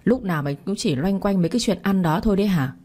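A woman's voice: medium pitch, lively intonation, fast talker, mellow, breathy edge. A woman voicing a stubborn middle-aged mother who scolds her daughter with blunt commands, in a storybook reading. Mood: scolding.

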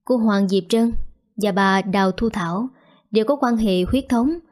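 A woman reading the lines of a calm middle-aged male deputy director in a quiet, formal way. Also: mid-range voice, measured pace, lightly acted.

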